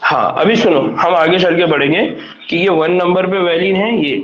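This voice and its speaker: A male biology teacher lecturing a classroom, constantly asking his students questions as he explains. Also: high voice. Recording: echoey, dull classroom recording.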